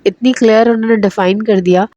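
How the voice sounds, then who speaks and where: A woman's voice: medium pitch, fairly even intonation, mellow, dry recording, lo-fi sound. A woman casually recapping drama episodes as a reviewer, chatty and hesitant with many fillers.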